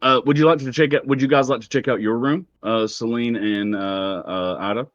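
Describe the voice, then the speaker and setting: A man's voice: medium pitch, fairly even intonation, fairly quick, dry recording, dull audio. A man running a tabletop role-playing game as game master, narrating in a casual, conversational way. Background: music.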